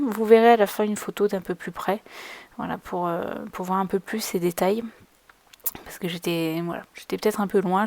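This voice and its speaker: A woman casually explaining her crafting as she works, with many pauses, fillers and restarts. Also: medium pitch, creaky, a little mellow. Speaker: crafting vlogger. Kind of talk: casual tutorial narration while crafting. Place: at a craft table indoors.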